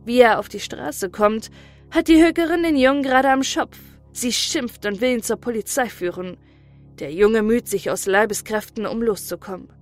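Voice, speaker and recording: A woman narrating a classic story as an audiobook in a calm, even storytelling voice. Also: on the high side, moderate pace, soft background music.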